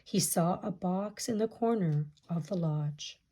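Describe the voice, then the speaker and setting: A woman reads a children's folktale aloud as a storyteller. Her voice is fairly low and soft-edged in tone, and she takes her time over each phrase, with a measured delivery meant for listeners. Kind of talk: reading a picture-book folktale aloud.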